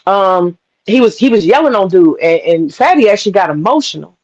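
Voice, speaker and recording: Speaking a little fast in a mid-range voice, a woman joins a live-stream panel by video call as a guest. She chats casually, telling stories with emphasis and animation, over dull lo-fi call audio.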